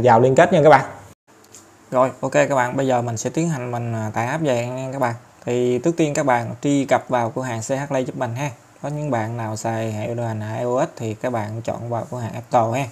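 A man with a Southern Vietnamese accent talking viewers through an app tutorial step by step, chatty and filling pauses often. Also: mid-range voice, steady tone, a little mellow. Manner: chatty, step-by-step, many fillers and tag particles. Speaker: tutorial host. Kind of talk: screen-recorded app tutorial.

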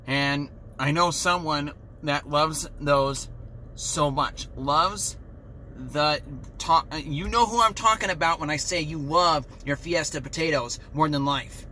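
A man's voice: fairly high pitch, slow, pushed and bright, a little hiss or hum. A man vlogging an angry, heated rant, talking in an exasperated way.

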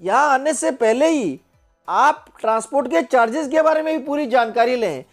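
A man with a high-pitched voice hosts a livestock sale video. He speaks in a steady, explanatory voice-over that stays promotional throughout. Faint music plays quietly beneath his words. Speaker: host of a livestock sale channel. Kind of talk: scripted voice-over presenting a cow for sale.

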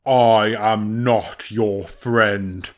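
A heavy, stern male bear from a storybook, dragging out each word in a low, solemn voice, as a man acts him out. He is a weighty royal messenger with no warmth to spare. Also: steady tone, very slow.

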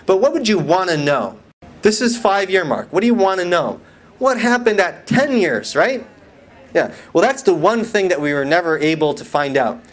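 A man lectures to a hall from his slides, his voice sitting a little high. He talks in a loose, conversational way, full of fillers and restarts, and breaks off to put questions to the audience. His humor is dry and wry. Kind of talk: conference talk with slides.

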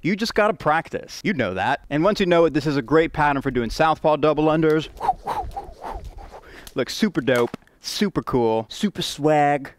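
A young man coaching jump rope rhythms, upbeat and playful, counting beats out loud as he demonstrates. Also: on the high side, animated, moderate pace, slight background noise. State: out of breath at times. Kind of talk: instructional video demo.

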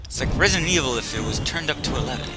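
A man talks through a video game in a casual, rambling way, tossing out dry asides as he plays. His voice sits at an ordinary middle pitch. Game music plays clearly behind him the whole time. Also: animated, very fast. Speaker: gameplay commentator. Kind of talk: casual let's-play commentary.

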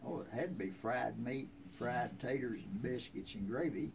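A folksy, plainspoken man in his seventies with a rural American accent reminisces about family history on a covered wooden porch. His medium-pitched, gravelly voice moves at a moderate pace. A handheld phone a few feet away records him, with outdoor ambient noise in the background.

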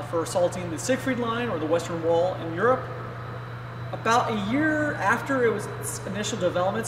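Fast-talking curator in an echoey hangar. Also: male voice, sits high. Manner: animated, gestures while explaining. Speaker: museum curator. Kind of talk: explanatory chat on camera. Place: large vehicle hangar indoors. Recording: echoey hangar, from far off, noisy.

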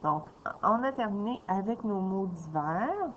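A woman teacher leading a slow, patient reading lesson for young children, sounding out syllables. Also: medium pitch, animated, slight background noise. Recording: slightly dull lo-fi recording.

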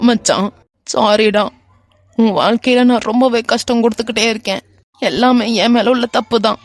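A woman's voice: fairly high pitch, fairly even intonation, soft background music, natural voice. A woman voicing a tearful pleading young man. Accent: Kanyakumari Tamil. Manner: pleading, apologetic, slow and teary. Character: tearful, guilt-ridden young man, pleading with his friend. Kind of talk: animated web cartoon voice acting.

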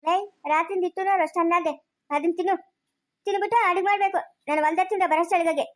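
A woman's voice: very high voice, steady tone, rapid-fire. An actress with a rural Chikkaballapur Kannada accent playing a harsh aunt who bosses and scolds a young new mother. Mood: commanding. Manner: sharp, bossy and scolding. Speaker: actor in a family drama skit.

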